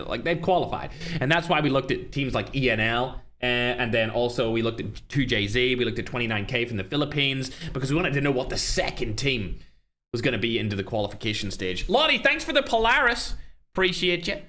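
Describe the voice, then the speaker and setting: Animated streamer man hosting a live tournament. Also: mid-range voice. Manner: casual, chatty, shouts out viewers. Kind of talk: live-stream commentary and chat.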